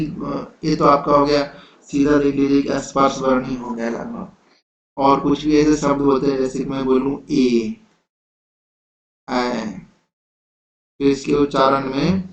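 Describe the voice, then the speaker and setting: Slow-talking man teaching a lesson. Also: mid-range voice. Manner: slow, repetitive explaining with frequent "theek hai". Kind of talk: exam-prep lecture. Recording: roomy, dull lo-fi sound.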